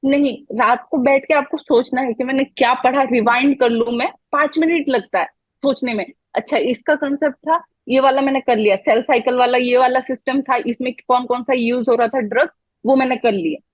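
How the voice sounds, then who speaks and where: A woman with a high, slightly husky voice, giving casual, upbeat advice as an interview guest. She talks in a flowing, chatty way. The sound is dry and a bit dull. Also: steady tone, fairly quick, dry recording. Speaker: interview guest, medical graduate.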